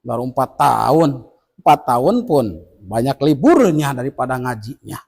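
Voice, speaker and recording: A man teaching tajwid to a group of village men, explaining rules patiently and chanting examples slowly. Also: mid-range voice, sing-song, creaky, a little mellow, husky, rough recording. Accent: Indonesian. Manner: patient and instructive, chants verses slowly to demonstrate. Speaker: Quran recitation teacher. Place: village study gathering indoors.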